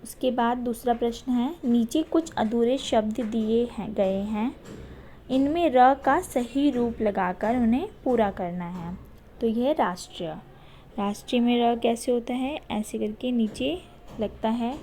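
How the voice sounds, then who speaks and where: A woman teacher giving a recorded lesson to young children, speaking slowly and patiently and repeating words for the pupils. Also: on the high side, dark tone, a little hiss or hum.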